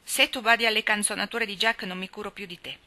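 A woman reading aloud, voicing a defiant, sharp-tongued little girl in a storybook. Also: mid-range voice, fairly even intonation, quick pace.

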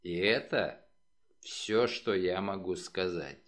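A man reading an audiobook, voicing a portly, aloof male detective in a low, clipped, grave tone. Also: takes it slowly, fairly bright tone.

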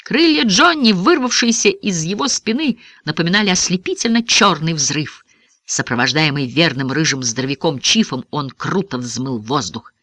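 A man narrates a first-person story in an expressive audiobook reading. His voice moves freely up and down with lively intonation. The recording is dry and close. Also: on the high side, normal speed, no room sound.

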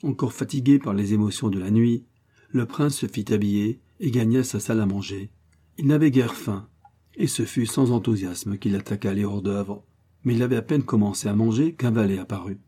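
A man reads an adventure novel aloud in steady, measured narration. His voice sits low and sounds dark and mellow, with a husky grain. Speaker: audiobook narrator.

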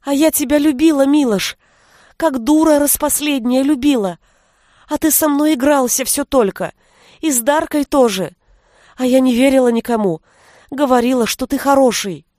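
A woman's voice: fairly high pitch, steady tone, takes it slowly, a little mellow, dry recording, clean studio sound. A woman voicing a hurt, tearful young village girl who speaks in a raised, pleading voice. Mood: hurt angry.

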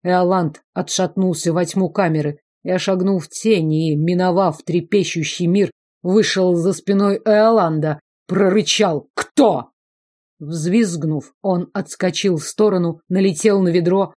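A woman reading a first-person fantasy novel aloud in even, measured scripted audiobook narration. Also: lowish voice. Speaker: audiobook reader.

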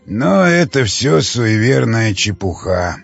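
A man voicing an old, weary cannibal leader who speaks slowly and low, with a grumbling, fatherly tone. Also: big pitch swings, creaky, slightly rough, faint music behind, exaggerated voice. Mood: somber. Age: older. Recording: dull lo-fi dry recording.

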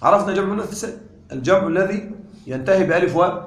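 A man teaching a grammar class, quizzing his students with frequent questions and repeating key points deliberately. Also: high voice, lively intonation, reverberant. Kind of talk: classroom lecture.

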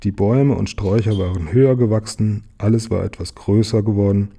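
Low, husky storybook reader. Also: male voice, steady tone, brisk, mellow. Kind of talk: reading a children's picture book aloud.

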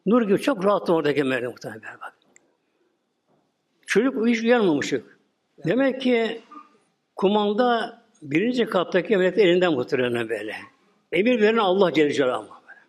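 A man's voice: sits high, big pitch swings, fast, long pauses. An older man, giving a rambling religious sermon that keeps trailing off into mumbled repeats. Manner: rambling, repeats filler words, drops to mumbles. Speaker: Islamic preacher.

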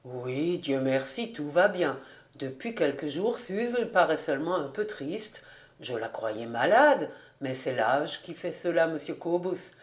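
A woman voicing a humble old male farmer who speaks softly, low and respectfully in an audiobook. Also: expressive, unhurried. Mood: gentle.

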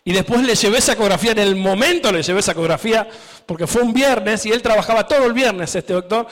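A man's voice: high-pitched, fast talker, in a large hall. A man with an Argentine accent preaching a personal testimony, telling his story with self-mocking laughs and acting out the voices of others. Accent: Argentine Spanish. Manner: storytelling, laughing at himself, quoting others in raised voice. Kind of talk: sermon testimony.

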